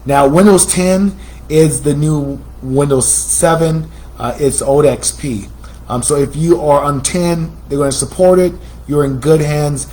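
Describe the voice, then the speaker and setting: An American man hosts a computer store's promo video in a chatty, salesy manner, frequently repeating himself. His voice is a little high with a darkish tone and a measured pace, and the audio is poor.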